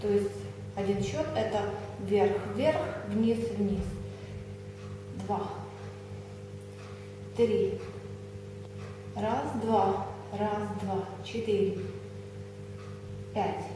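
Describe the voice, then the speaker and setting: A young woman instructs a workout in short commands and slow, measured counts. Her voice sits at a middling pitch. It is recorded from a distance in a very reverberant, echoing studio. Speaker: fitness instructor. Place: small indoor exercise studio. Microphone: camera a few metres away. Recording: echoey room, distant mic, clear noise.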